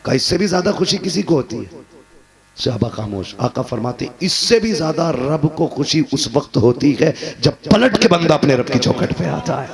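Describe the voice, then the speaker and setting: Gravelly man preaching to a crowd. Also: fairly high pitch, lively intonation, normal speed. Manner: rising to loud emphatic peaks. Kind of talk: sermon. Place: gathering with a live crowd. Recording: crowd responding audibly.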